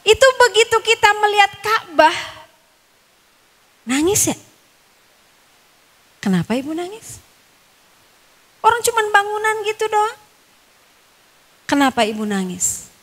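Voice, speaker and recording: A woman with a Sundanese accent teaching a Quran study class, quizzing the women listening with questions and chanting Arabic verses slowly. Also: very high voice, big pitch swings, fairly bright tone. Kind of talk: religious study lecture. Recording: long reverb, echoing hall.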